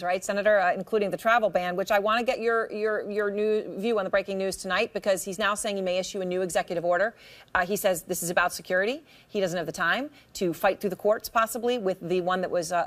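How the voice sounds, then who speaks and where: A woman news anchor posing brisk questions to a guest. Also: mid-range voice, fairly bright tone. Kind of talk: TV news interview.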